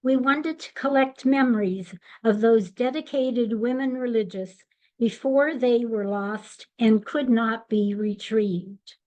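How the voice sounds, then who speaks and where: Slow, measured older woman presenter. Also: a little high, steady tone, dark tone, muffled recording. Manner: measured and deliberate. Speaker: webinar presenter. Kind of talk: slide presentation.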